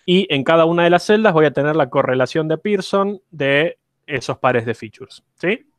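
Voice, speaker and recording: A man's voice: on the high side, expressive, moderate pace, no room sound. A man teaching an online university class, explaining step by step and putting questions to his students. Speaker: university lecturer.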